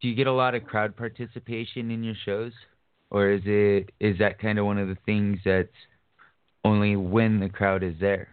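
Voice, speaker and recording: A man's voice: lowish voice, flat delivery, moderate pace, clear, resonant tone, dry recording. A man interviewing in a laid-back, informal, chatty way. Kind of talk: casual interview chat. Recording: tinny phone-line sound.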